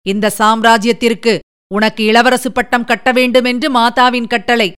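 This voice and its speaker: Villain: a woman doing a domineering male sorcerer priest, booming and commanding, smooth clear voice, storybook reading. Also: level tone, normal speed, fairly bright tone, natural voice. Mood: roaring, furious.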